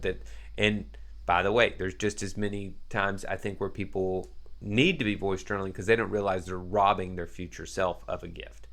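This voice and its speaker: Earnest low-voiced man giving advice. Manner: earnest and reflective, builds points with examples. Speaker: podcast guest. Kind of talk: casual conversational advice.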